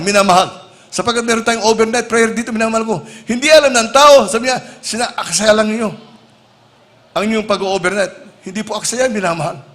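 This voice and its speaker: A man's voice: extremely high pitch, fairly bright tone. A man preaching a sermon who keeps addressing his listeners as beloved and mixes in English phrases. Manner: calls the listeners "minamahal ko" (beloved) over and over.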